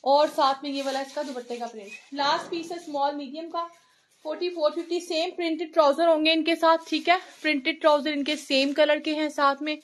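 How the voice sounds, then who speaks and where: A high, bright-pitched woman with a Pakistani Urdu accent runs a live online clothing sale. She rattles through sizes and prices in a brisk, chatty seller's patter, greeting viewers as she goes. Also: fairly even intonation. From Lahore, Pakistan. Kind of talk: live-stream sales patter.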